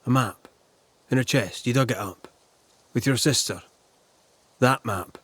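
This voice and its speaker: A man acting a calm, businesslike ghost hunter in a video game, dry and formal, with a husky voice. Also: medium pitch, a little slow, no room sound. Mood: wry, investigative.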